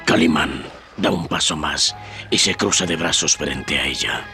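A man's voice: extremely low pitch, unhurried, vocal fry, pushed and bright, faint music behind, full character voice. A man narrating an adventure radio serial as a grave, suspenseful storyteller.

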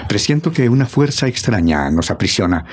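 Low-voiced noble radio hero. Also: male voice, sing-song, brisk. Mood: grave. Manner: solemn, formal, theatrical. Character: noble, grave adult male hero, calm and defiant. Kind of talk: old radio serial acting.

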